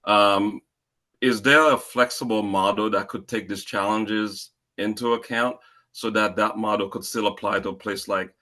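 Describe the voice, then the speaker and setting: A man's voice: on the low side, fairly even intonation, moderate pace, sharp tone. A middle-aged man from Haiti, asking a panel speaker a long question in a conversational way, with many fillers and restarts. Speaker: audience member asking a question.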